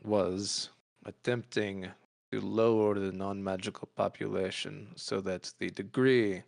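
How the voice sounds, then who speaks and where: Man acting stern authority figure, tabletop game villainy-free gravitas, booming, pompous, low-pitched, dry close sound. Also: fairly even intonation, measured pace, creaky, no room sound. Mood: grave, condescending. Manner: pompous, lecturing.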